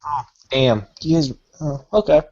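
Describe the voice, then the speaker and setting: A man playing in a tabletop game, narrating his character in an animated way. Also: fairly high pitch, a little slow, lo-fi sound. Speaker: player.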